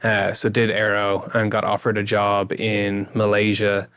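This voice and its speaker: A man in his thirties with a west of Ireland accent and a low voice that often drops into fry. He talks informally and loosely, rephrasing as he goes, like a guest in a relaxed interview. The sound is close and dry. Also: a little slow, no echo. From Galway, west of Ireland. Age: 30s. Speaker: interview guest, YouTube creator and engineer. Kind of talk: casual interview chat.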